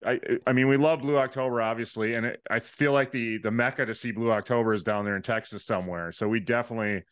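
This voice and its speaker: A man's voice: mid-range voice, steady tone, fast talker, a bit bright, clear, resonant tone, no room sound. A man in his forties hosting an interview, asking friendly, enthusiastic questions in casual chat. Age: 40s. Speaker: podcast host.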